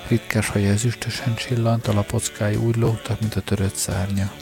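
A man narrating a story in a measured, steady audiobook reading. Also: lowish voice, creaky, music in the background. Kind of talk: scripted narration.

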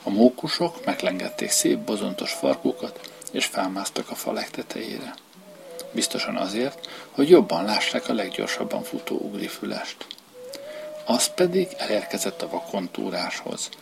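A man reading a children's story aloud in an expressive, lively storybook manner. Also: lowish voice, vocal fry, background noise. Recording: violin music playing behind.

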